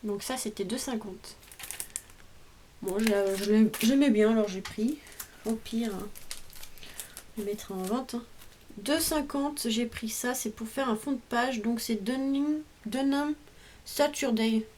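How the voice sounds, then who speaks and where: A woman's voice: a little high, unhurried, long pauses, darkish tone, slight background noise. A woman vlogger casually showing off a craft haul at home, chatty and hesitant, often trailing off. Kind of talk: casual show-and-tell haul.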